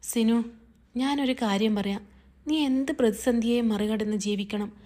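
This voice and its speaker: A woman's voice: a little high, fairly even intonation, measured pace, dark tone, lightly acted. A woman voicing a caring older brother who soothes and advises his sister in a read-aloud family story. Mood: comforting.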